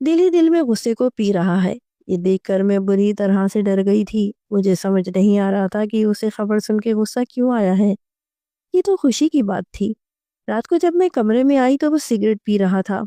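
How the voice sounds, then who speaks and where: Woman reading a romance audio novel, mellow warm voice, steady, dry close mic. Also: medium pitch, no echo. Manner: steady, even storytelling. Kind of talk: scripted first-person story narration.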